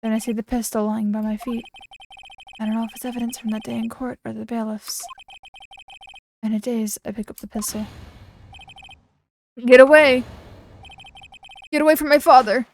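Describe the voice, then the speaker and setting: A woman's voice: flat delivery, a little fast, vocal fry, pauses often, a little hiss or hum. A woman reading a haunted young prosecutor. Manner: quiet, low-key confessional reading. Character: composed young male prosecutor, haunted by guilt. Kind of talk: reading game dialogue aloud.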